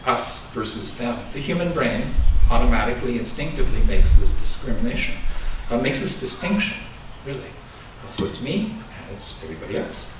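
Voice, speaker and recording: A Buddhist minister in his sixties from Los Angeles, USA, gives a conversational, self-deprecating dharma talk, chuckling often. His mid-range voice is very animated, at a moderate pace with few pauses. The recording has an echoey room, a distant mic and background noise.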